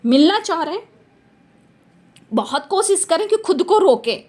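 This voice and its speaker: A woman's voice: extremely high pitch, big pitch swings, unhurried, darkish tone. A woman doing a tarot reading for her viewers, talking emphatically and repeating phrases for stress. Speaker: tarot reader.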